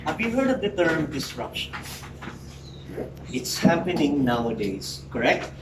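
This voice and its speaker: A man in his forties, speaking on the high side and a little slow, delivers a very animated prepared speech to a meeting-room audience. As a public speaker he is emphatic and rhetorical, talking straight to the crowd, heard through a distant mic in a roomy, noisy hall.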